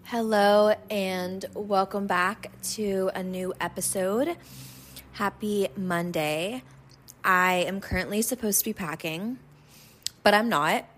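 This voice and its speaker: A woman in her twenties hosting a casual advice podcast, slightly hoarse from being sick, rambling with lots of fillers. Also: medium pitch, slow, a bit bright, slight background noise. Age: 20s. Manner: rambling, lots of likes and ums. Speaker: podcast host.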